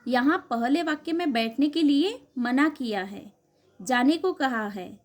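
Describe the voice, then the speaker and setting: Indian woman teacher, young kids' online class, slow and patient, repeats points as questions and answers, high bright voice. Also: animated.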